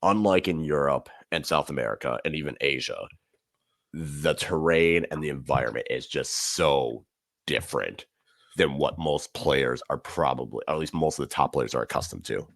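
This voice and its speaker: Gravelly and bass-voiced, a man speaks at a moderate pace with no echo on the recording. He's a podcast guest in a casual sports conversation, rambling animatedly through his analysis and correcting himself as he goes.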